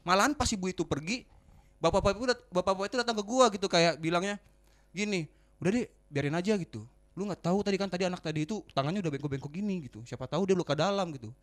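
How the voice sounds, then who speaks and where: A young man from West Sumatra telling a road story in slangy, animated podcast chat. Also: high voice, racing. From West Sumatra, Indonesia. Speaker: comedian podcast guest.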